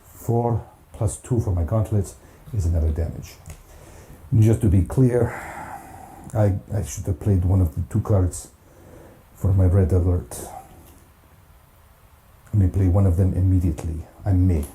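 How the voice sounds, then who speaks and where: A man's voice: sits low, steady tone, a little slow, long pauses, warm tone, a little hiss or hum. A man narrating a solo board game campaign, counting dice aloud in a chatty, self-mocking way. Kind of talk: casual play-through narration.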